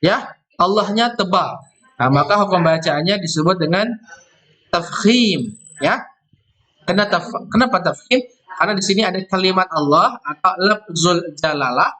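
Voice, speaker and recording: A man teaching Quran recitation rules, explaining step by step and slowly chanting verse words before each explanation. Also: high voice, lively intonation, bright, forceful tone. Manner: explains step by step, often ending with "ya".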